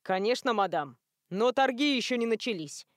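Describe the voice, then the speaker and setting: A woman reading an audiobook, voicing a formal male auctioneer who calls out bids slowly and loudly. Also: fairly high pitch, expressive, no room sound, studio quality, lightly acted. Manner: slow, loud, announcing calls. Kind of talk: audiobook character voice.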